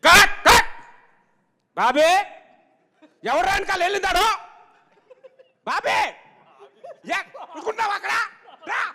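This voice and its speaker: A man's voice: extremely high pitch, expressive, measured pace, vocal fry, long pauses, bright, forceful tone, exaggerated voice. A man playing an impatient male film director who barks clipped orders at his crew and scolds them, as a comic stage impression. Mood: scolding. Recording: long hall reverb.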